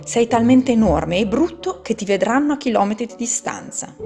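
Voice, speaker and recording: A woman voicing a smaller, contrary crocodile who only eats fish and scolds the other, in a storybook reading with soft music behind. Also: a little high, animated, moderate pace, voice pushed up. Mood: scolding.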